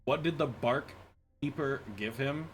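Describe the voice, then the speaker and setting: An American man takes it slowly in a mid-range voice while streaming a game and chatting casually with viewers. He's rambling and joking, often laughing and stammering through restarted words, with slight background noise.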